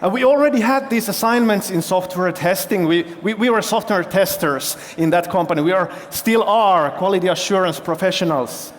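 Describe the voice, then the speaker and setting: Male CEO, fairly high voice, keynote storytelling with audience questions, long hall echo. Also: normal speed, hardly any pauses. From Finland. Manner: engaging, quizzes the audience with show-of-hands questions. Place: large festival hall stage.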